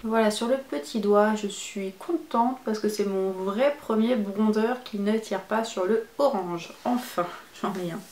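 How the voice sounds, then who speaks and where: A woman's voice: mid-range voice, measured pace, a little mellow, reverberant. A woman beauty vlogger chatting casually through a makeup palette review, enthusiastic about each shade.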